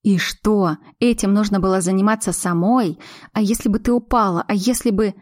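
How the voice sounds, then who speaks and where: A woman's voice: medium pitch, moderate pace, darkish tone, no echo, studio quality, close to an everyday voice. A woman voicing an anxious, blunt young man whose fiancée is about to give birth. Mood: fretful. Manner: fretful, blunt and insistent.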